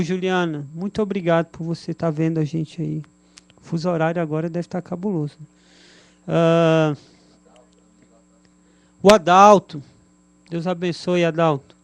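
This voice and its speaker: A man with a Brazilian Portuguese accent, hosting a church broadcast, chatting casually and relaxed as he sends greetings to viewers, stumbling over names. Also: on the high side, no echo. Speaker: service host. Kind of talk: casual live-stream shout-outs.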